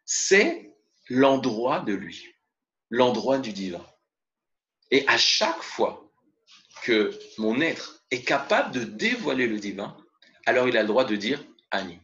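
A man giving a spoken religious lesson as a Torah teacher, expressive and mixing Hebrew terms into his explanations, in a dull lo-fi recording. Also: mid-range voice, slow.

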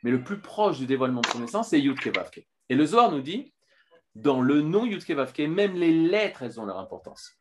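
A man teaching a filmed Torah lesson, lively, with many restarts and fillers. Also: on the high side, brisk.

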